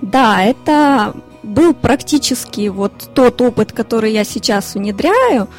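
A woman in her thirties from Ukraine, a lawyer and consultant, answering interview questions in a measured way with fillers. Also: a little high, animated, soft background music. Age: 30s. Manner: measured, listing things with fillers.

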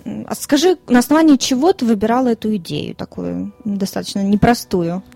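A woman hosting a business radio interview, asking quick, prompting follow-up questions over faint music. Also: medium pitch, vocal fry, dark tone. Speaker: radio show host.

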